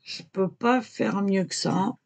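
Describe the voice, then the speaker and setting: A medium-pitched, slow woman's voice with vocal fry and a slightly mellow quality. She's an amateur artist casually walking viewers through a drawing, hesitant and full of "euh" and "voilà," and her talking is easily interrupted by coughs and choking.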